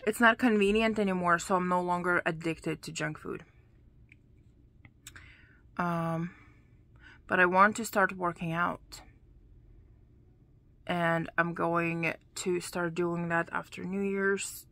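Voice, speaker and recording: A woman's voice: lowish voice, a bit bright, no room sound. A woman crochet vlogger chatting casually to her camera at home, rambling and sometimes dropping to a whisper. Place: home room, dim.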